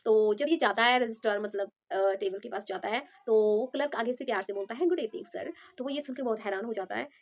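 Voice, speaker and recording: A woman's voice: fairly high pitch, fast, few pauses. A woman telling a simple motivational story in a casual, chatty way, with many fillers and restarts.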